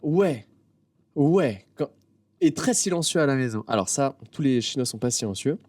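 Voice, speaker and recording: A French man in his thirties speaks as a guest in a casual interview, his voice warm and relaxed. He tells animated stories full of small fillers and restarts. The sound is dry and close, with no room echo. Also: medium pitch, moderate pace. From France. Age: 30s. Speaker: guest, comedian and doctor. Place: venue backstage, indoors.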